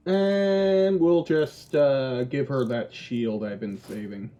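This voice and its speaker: A man's voice: medium pitch, fairly even intonation, slow, mellow. A man giving casual gameplay commentary, offhand and joking, with some swearing. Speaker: gaming video host.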